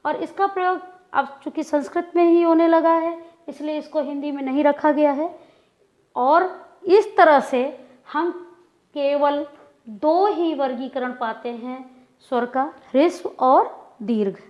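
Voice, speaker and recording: Slow, deliberate woman teaching grammar. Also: high-pitched, dull audio. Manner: slow, deliberate, repeats and demonstrates pronunciations. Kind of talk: classroom-style lecture.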